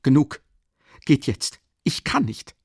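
Irritable young man read by a man, halting, strained, raised pitch, dry. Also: lively intonation, a little mellow, no echo, close to an everyday voice. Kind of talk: audiobook reading.

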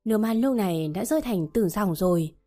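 A woman narrating a first-person story in a calm, steady reading voice. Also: mid-range voice, brisk, faint music behind.

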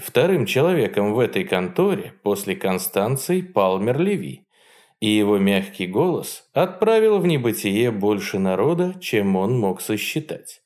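A male narrator reading an audiobook in a measured, steady way. His voice sits on the low side. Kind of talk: scripted narration.

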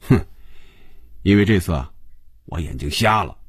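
A wry man who shrugs off teasing with understated jokes, voiced by a male reader. His voice is low and husky, and the recording is dry and close. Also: sing-song, measured pace, a little mellow, no room sound, full character voice. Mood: joking. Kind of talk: audiobook character voicing.

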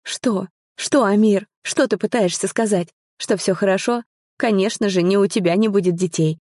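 A woman voicing a young woman who is hurt and bitter, speaking in a sharp, tearful, accusing way. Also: medium pitch, normal speed, no echo, studio quality, voice pushed up, close to an everyday voice.

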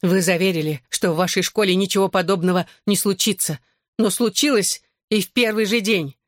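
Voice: steady tone, a little fast, dry recording, clean studio sound, close to an everyday voice. A reader voicing a frantic, overprotective mother who accuses a boy. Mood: furious. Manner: shrill and accusing. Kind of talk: audiobook dialogue.

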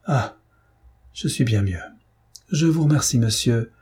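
A man's voice: mid-range voice, lively intonation, unhurried, mellow, slightly rough. A man voicing a tired young woman at a masked ball, speaking plaintively.

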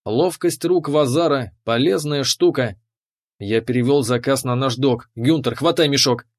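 Male audiobook narrator, medium pitch, steady scripted first-person storytelling. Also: a little slow.

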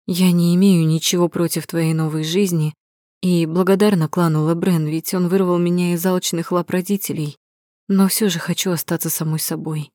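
A woman voicing a shy, timid young woman in an audiobook, speaking softly and hesitantly. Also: fairly low pitch, fairly even intonation, moderate pace, dry recording, clean studio sound, natural voice. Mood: earnest. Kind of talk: audiobook reading.

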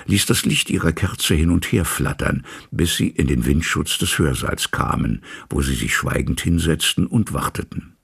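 A man narrates a classic novel with measured, dramatic storytelling. His voice sits very low, with a heavy gravelly fry and a strongly husky grain. His pitch moves in wide, lively swings through each sentence. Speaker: audiobook reader. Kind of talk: scripted literary narration.

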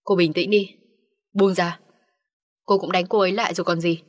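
A woman's voice: on the low side, fairly even intonation, moderate pace, big-room sound, close to an everyday voice. A woman voicing a young man who speaks curtly and gives orders in an audiobook story. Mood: irritated. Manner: curt, commanding. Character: young man, curt and irritated.

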